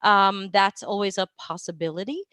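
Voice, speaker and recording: Hosting a casual live Q&A while travelling, a woman with a cold talks from a hotel or temporary room. Her mid-range voice is fairly even in intonation, at normal speed and fairly bright, captured in studio quality without echo. She's chatty and rambles, often halting to fix what she said.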